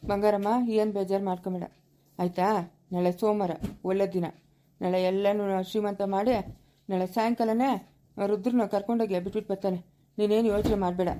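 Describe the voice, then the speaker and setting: A woman's voice: medium pitch, steady tone, brisk, mellow, close to an everyday voice. A woman with a rural Chikkaballapura Kannada accent, acting a patient elderly village grandfather in a family skit, soothing and reassuring.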